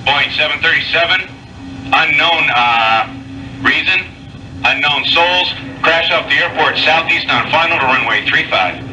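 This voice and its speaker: A man's voice: on the high side, a little slow. A man working as an air traffic controller, giving terse, procedural instructions over the radio and repeating key phrases. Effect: radio transmission. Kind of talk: tower radio communications. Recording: noisy, distant control tower radio tape.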